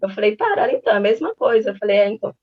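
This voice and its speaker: A woman in her thirties from Brazil talks quickly and casually about raising children. She strings anecdotes together and acts out the quoted voices of the people in them. The recording sounds a little dull and lo-fi. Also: medium pitch. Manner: chatty, storytelling, acts out quoted dialogue. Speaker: parenting channel host. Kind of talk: casual advice talk with anecdotes.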